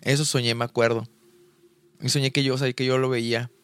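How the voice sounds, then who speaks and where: A man's voice: mid-range voice, flat delivery, brisk, a bit bright, slight background noise. A young man co-hosting a podcast, chatting casually with many restarts and fillers. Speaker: podcast co-host. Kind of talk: casual chat.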